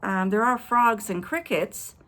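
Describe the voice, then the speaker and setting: Outdoors at night, a woman pastor tells children a story followed by a brief devotional, speaking gently and straight to the kids. Her medium-pitched voice takes its time.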